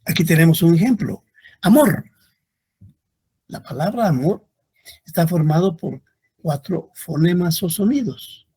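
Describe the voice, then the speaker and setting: A man giving a classroom lecture, speaking slowly and deliberately and repeating examples for his students. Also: on the high side, lively intonation, mellow, husky. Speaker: university lecturer.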